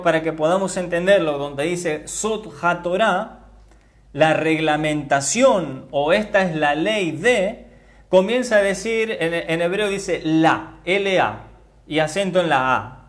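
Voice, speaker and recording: A man giving a teaching sermon as a Bible teacher, emphatic, repeating key words and spelling them out slowly. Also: sits high.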